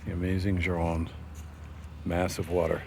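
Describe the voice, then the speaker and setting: A man narrating a casual walking tour of an old fortress outdoors, rambling with many pauses and fillers, recorded on a handheld camera mic. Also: low voice, little pitch movement, gravelly, a little mellow, slight background noise. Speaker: tour guide vlogger.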